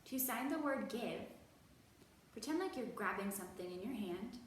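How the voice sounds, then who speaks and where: A children's library storytime host with a fairly high, expressive voice teaches young viewers encouragingly, slowly stretching out key words with exaggerated care. The room is very echoey, the mic distant, with faint noise.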